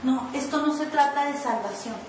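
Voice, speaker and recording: A woman's voice: sits high, moderate pace, darkish tone, slight background noise. A woman pastor preaching a sermon, telling her own story and acting out her pleading in a sing-song whine. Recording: echoey room, voice from far off.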